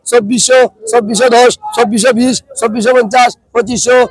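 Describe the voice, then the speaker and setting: High-pitched Sylheti man chanting as an auctioneer. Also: steady tone, racing, a crowd in the background. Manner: repetitive, rhythmic calling out of bids. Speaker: fish market auctioneer. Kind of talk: auctioneer's chant, calling rising prices with repeated numbers. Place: fish wholesale market.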